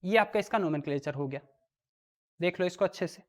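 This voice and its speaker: A woman's voice: lowish voice, a little fast. A woman teaching a chemistry lesson, asking the class questions and answering them herself. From India. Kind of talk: classroom lesson explaining worked exam problems.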